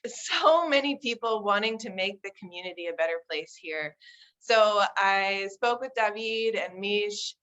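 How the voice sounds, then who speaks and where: A woman's voice: mid-range voice, pushed and bright. A woman from the United States, an architect presenting on a video call, upbeat and enthusiastic with frequent ums. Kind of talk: online meeting presentation. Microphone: computer mic on video call.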